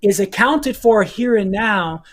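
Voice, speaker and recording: A man teaching philosophy in a measured way, repeating phrases and checking in with his listeners, with an occasional cough. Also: high voice, animated, a bit bright. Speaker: guest teacher. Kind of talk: explaining philosophy to hosts.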